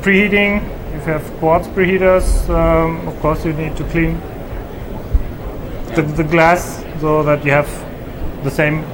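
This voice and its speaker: A man with a fairly high but very flat voice works through maintenance steps on a trade show panel, one point at a time. The busy hall is clearly heard behind him. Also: unhurried. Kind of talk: technical panel discussion. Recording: trade show background noise.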